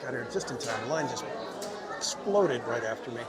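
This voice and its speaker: A man's voice: mid-range voice, lively intonation, normal speed. A man hosting a casual live vlog, chatting informally with his viewers as he goes. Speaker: live stream host. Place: busy theme park, ice cream shop. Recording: loud crowd of a public space.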